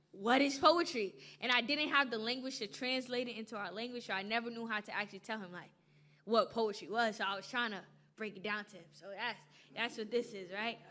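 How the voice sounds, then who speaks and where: A young American woman with a high, bright voice speaks to a live audience as a spoken word poet. She shifts between casual introduction and poetic delivery. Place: live stage before an audience. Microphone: stage microphone.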